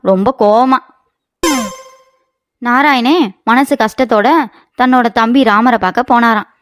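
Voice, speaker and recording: A woman's voice: on the high side, fairly even intonation, unhurried, over music. A woman narrating a children's comedy story in a folksy storytelling manner. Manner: folksy storytelling, lines ending in "they say".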